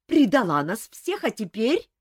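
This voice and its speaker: A woman voicing a spiteful countess who shrieks accusations loudly. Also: on the high side, wildly swooping pitch, unhurried, husky, no room sound, studio quality, pitched above the performer's own voice, full character voice. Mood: shrill. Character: spiteful shrill countess, hateful.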